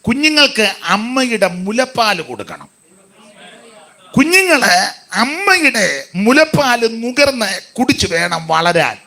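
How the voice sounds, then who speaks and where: A man preaching a sermon in an animated way, rising to shouts and dropping to soft asides. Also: high-pitched, takes it slowly, vocal fry.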